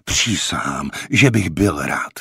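A man's voice: low-pitched, lively intonation, gravelly, a bit bright, breathy edge, no echo, full character voice. A man voicing a young British officer, a bitter camp police chief who barks clipped orders. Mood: accusing. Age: young adult. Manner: clipped, barking commands.

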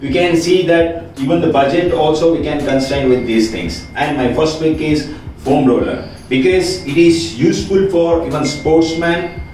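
A man's voice: a little high, normal speed, darkish tone, a little hiss or hum. A young man, a fitness trainer presenting home gym picks with many fillers like "guys, like", recorded in a small room. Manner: filler-heavy, says "guys, like". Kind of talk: equipment walkthrough. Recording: echoey room, distant from mic.

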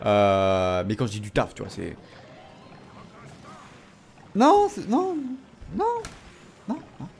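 A man giving animated gameplay commentary, teasing and self-mocking, often laughing and bursting into excited shouts. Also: on the low side, takes it slowly, vocal fry, long pauses, slight background noise. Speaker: gamer commenting his own matches.

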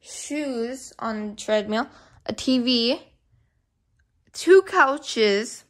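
A young woman vlogger rambles casually through a home tour indoors, filming with a phone or handheld camera at arm's length. Her fairly high, expressive voice comes slowly and haltingly, as if she's thinking out loud.

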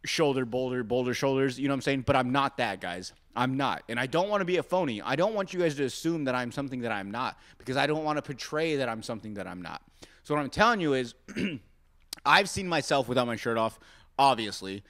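A man's voice: mid-range voice, animated, fast, a bit bright. A man from Arizona hosting a solo podcast, rambling through self-mocking rants aimed straight at his listeners. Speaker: podcast host. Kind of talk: casual solo podcast rant.

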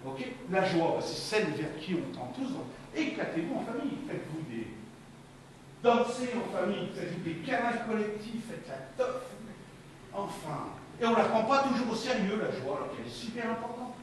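A man giving a lively, colloquial talk to parents at a conference, speaking straight to the audience and often repeating his words. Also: high voice, normal speed. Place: conference hall. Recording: very echoey hall, distant from the mic, faint noise.

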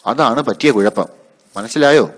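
A man voicing a stern male park keeper who lectures everyone loudly and firmly. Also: mid-range voice, normal speed, in a large hall, natural voice. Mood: stern lecturing. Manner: firm, loud, lecturing.

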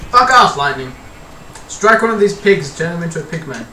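A man's voice: fairly high pitch, sing-song, moderate pace, sharp tone. A young man hosting casual gameplay chat, joking, laughing and swearing freely. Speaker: gaming channel host. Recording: echoey, far from mic, noisy.

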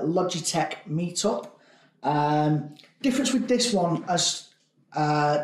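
A chatty product demonstrator with a fairly high-pitched voice thinks aloud through a casual demo, leaning heavily on fillers. He's in an echoey meeting room with a large table, picked up by conference room device mics at varying distances, with slight background noise.

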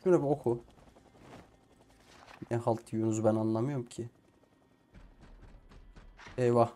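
Man, gameplay commentary, casual, swears often, talks to himself, mellow tone. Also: mid-range voice, fairly even intonation, unhurried, slight background noise. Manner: frustrated, swears at the game often. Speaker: gameplay streamer. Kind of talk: casual let's play commentary.

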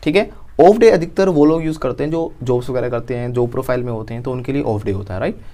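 A man with an Indian accent teaching spoken English, explaining in Hindi and slowing down to model each English sentence. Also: medium pitch, warm tone.

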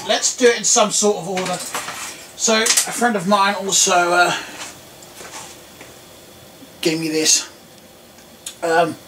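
This croaky, high-pitched voice belongs to an English tech vlogger in his thirties who chats loosely, with frequent ums, while presenting computer parts indoors at home in a small room. The rough recording comes from a camera mic far away, so he's a bit off-mic amid faint room noise.

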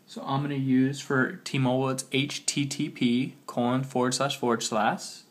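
A man's voice: medium pitch, little pitch movement. A man who is sick and sounds slightly muffled, giving a casual step-by-step phone tutorial as he works through it and spells things out. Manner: talking while working on a phone, spelling things out slowly. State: sick with a cold. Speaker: tutorial host.

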